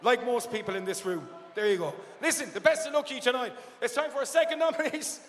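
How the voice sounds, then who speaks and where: A man's voice: very high voice, fast, fairly bright tone, long reverb tail, a little hiss or hum. An Irish man hosting a live awards ceremony, chatty and jokey as he interviews guests. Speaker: awards show host.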